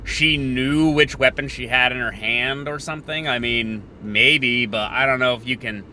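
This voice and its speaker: In this podcast, a man of medium pitch muses out loud on politics, sardonic and opinionated, his speech stopping and starting between hesitant pauses and quick rushes. Slight hiss or hum is present.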